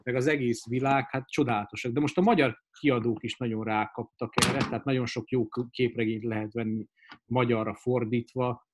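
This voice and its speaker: A man's voice: mid-range voice, steady tone, background noise. Guy rambling through stories over drinks, lots of ums, plain mid voice. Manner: rambling anecdotes with fillers. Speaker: pub chat co-host. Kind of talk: casual chat.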